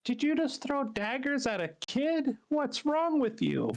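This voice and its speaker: A man putting on a shrill indignant kid. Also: very animated, measured pace, creaky, heavily acted. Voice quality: fake high-pitched voice. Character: small indignant child adventurer.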